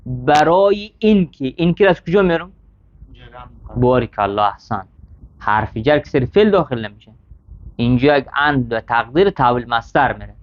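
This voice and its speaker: A man teaching a classroom lesson, reading Arabic text line by line, explaining it and checking with his students. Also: medium pitch. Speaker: seminary teacher. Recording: dull lo-fi sound.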